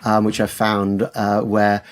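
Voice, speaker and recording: A man appears as an expert guest in a conversational interview, an author and editor with literary expertise. He explains enthusiastically, with hesitations and emphatic repetitions, though his fairly low, smooth voice stays monotone and slow.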